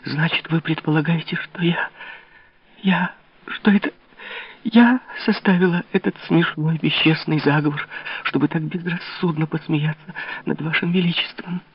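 A man reading an audiobook, voicing an anguished young woman who pleads in a high, trembling, breathy voice. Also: fairly even intonation, fast, few pauses, far from the mic. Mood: hurt. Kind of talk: audiobook character voice. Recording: dull lo-fi recording.

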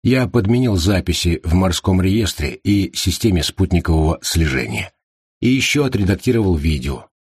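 A man voicing a calm artificial intelligence that speaks quietly and matter-of-factly in an audiobook. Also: deep voice, normal speed, breathy edge, no room sound, studio quality.

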